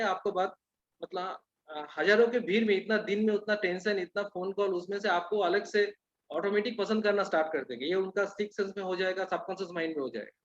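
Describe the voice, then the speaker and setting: A man giving a sales training talk in an instructive way, pausing often on hesitant fillers. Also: high-pitched, highs cut off.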